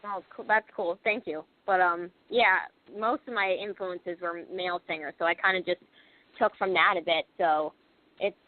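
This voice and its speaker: Her low-leaning voice stays steady at a moderate pace with no echo. The young singer from Pennsylvania, USA, appears as a guest on a casual radio show, rambling and leaning on "like" and "you know," heard through a lo-fi, phone-like recording.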